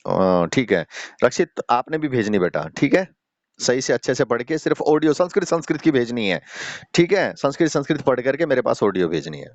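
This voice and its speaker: A man teaching a Sanskrit class to young students online, explaining slowly and often checking in with them. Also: mid-range voice, sing-song, no room sound, highs cut off. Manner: addresses students directly, asks questions.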